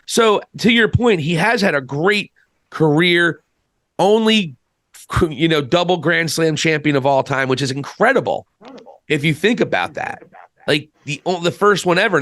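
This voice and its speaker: A man with a slightly high voice talks wrestling casually as a podcast co-host. He is opinionated and blunt, leaning hard on his points. The sound is dry and close. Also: fairly bright tone, dry recording.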